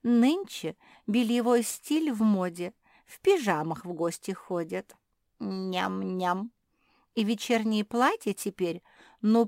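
A woman's voice: mid-range voice, dry recording, studio quality, pitched above the performer's own voice. A woman voicing a greedy girl character who munches and chomps while she talks. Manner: loud, munching noises mid-speech. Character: greedy chomping female sweet-lover.

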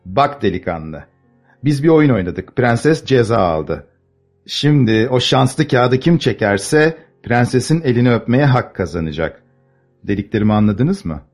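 A man voicing a sardonic older gentleman in a storybook, slightly raised and pointed as he mocks a young guest. His tone is dry and teasing, with faint music in the background. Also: medium pitch, sing-song, unhurried. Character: mocking older man, master of ceremonies.

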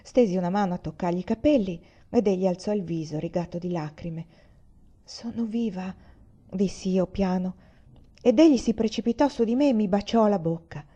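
Expressive woman reading a novel aloud. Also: medium pitch, brisk, highs cut off. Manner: expressive, voicing characters' lines with rising emotion. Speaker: reader. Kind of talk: literary audiobook reading.

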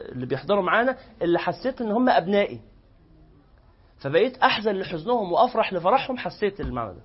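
Teaching a religious lesson to a live class, a man with an Egyptian Arabic accent tells lively stories, acting out both sides of the quoted dialogue. His voice is high-pitched with a breathy edge, and the recording is muffled.

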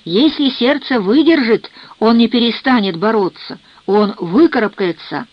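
A woman's voice: a little high, animated, measured pace, no echo. A woman voicing a brusque, coarse professional nurse who speaks bluntly, in a dull, dry recording.

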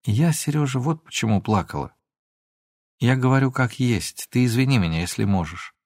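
A man reading an audiobook, voicing an emotional young woman who pleads and sometimes flares up into shouting. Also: mid-range voice, animated, normal speed, no room sound, studio quality. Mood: earnest. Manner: pleading, then flaring into shouts.

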